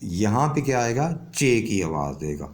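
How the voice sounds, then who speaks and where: پاکستان سے مرد استاد, قدرے نیچی آواز, کلاس کا لیکچر, صبر سے سمجھاتا ہے. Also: male voice, fairly low pitch, big pitch swings. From Pakistan. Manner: explains patiently with many check-ins. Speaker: language teacher. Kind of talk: classroom lesson explaining an alphabet.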